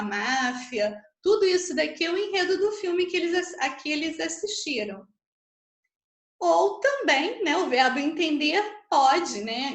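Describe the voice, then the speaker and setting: A woman's voice: high voice, fairly bright tone, roomy sound. A Brazilian woman teaching an online literature class, explaining patiently and checking in with tag questions as she counts syllables aloud. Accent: Brazilian Portuguese.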